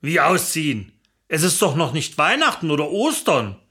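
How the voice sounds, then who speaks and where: A woman voicing a grumpy, lazy older husband who mutters complaints in a lowered voice. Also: big pitch swings, normal speed, fairly bright tone, slightly rough, full character voice. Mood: baffled.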